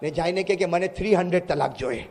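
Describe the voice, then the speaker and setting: Middle-aged male preacher, high gravelly voice, joking sermon, loud outbursts, long hall reverb. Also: fast. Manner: joking, bursts into loud exclamations. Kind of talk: humorous sermon storytelling.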